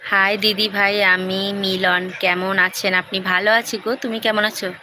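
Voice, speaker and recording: Woman, soft hushed talk, casual live-stream chat, faint noise behind. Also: medium pitch, level tone, unhurried. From Hooghly, West Bengal, India. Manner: speaks softly while her son sleeps.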